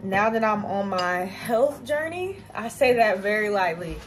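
A woman's voice: medium pitch, very animated, a little slow, over music. A young woman chatting casually to her camera as a vlogger, playful and self-mocking. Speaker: vlogger and TV anchor. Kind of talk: casual vlog chat. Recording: noticeable background noise.

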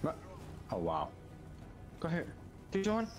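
Excitable swearing man on game chat. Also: on the high side, moderate pace, noisy background. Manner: joking, swears a lot, excitable. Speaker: gamer. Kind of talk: casual gaming banter.

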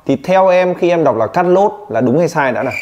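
A man's voice: fairly high pitch, animated, darkish tone, muffled recording, a little hiss or hum. Teasing male pronunciation teacher. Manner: teasing, drilling with rapid questions. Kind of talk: one-on-one pronunciation coaching.

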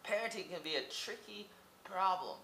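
His high voice is animated and sharp at a normal speed as this young Oregon vlogger from the United States delivers a casual monologue to his close-range webcam in a small room. He keeps repeating himself and firing off rhetorical questions. The rough recording has an echoey room and a little hiss or hum.

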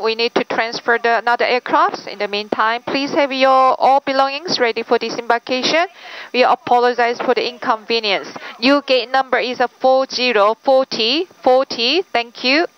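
A woman's voice: high-pitched, a little hiss or hum. A woman flight attendant making a polite, formal cabin announcement to passengers. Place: aircraft cabin, over the PA. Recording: muffled aircraft cabin PA.

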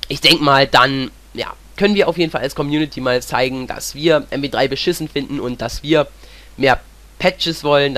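With a somewhat high, slightly bright voice, a young man suffering from a cold gives chatty, meandering commentary on gameplay. He leans on "ja" to fill pauses.

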